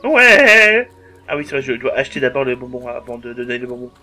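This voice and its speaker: A man's voice: mid-range voice, little pitch movement, rapid-fire, a bit bright, faint music behind. A man giving casual let's-play commentary over a game, jokey and crude, swearing often and humming along.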